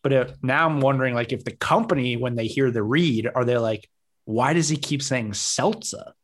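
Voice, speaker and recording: Male podcast co-host, mid-pitched, casual rambling sports banter with easy laughs. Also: normal speed. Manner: rambling, self-questioning, laughs easily.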